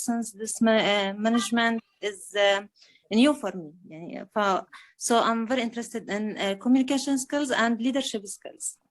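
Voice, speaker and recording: A native Arabic-speaking woman with a Jordanian accent, introducing herself hesitantly in an online class. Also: fairly high pitch. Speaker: course participant, pharmacist and manager. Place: online video call.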